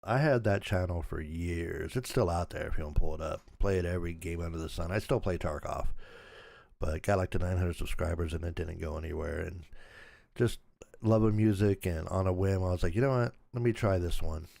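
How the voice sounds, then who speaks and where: An older man chats through a livestream in a deep, low voice with a gravelly crackle, still raspy from a sore throat. He rambles along in an easygoing way, and the sound is dry and close with no room echo. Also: brisk, darkish tone. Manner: rambling, easygoing, laughs at himself. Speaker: channel host. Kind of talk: casual livestream chat.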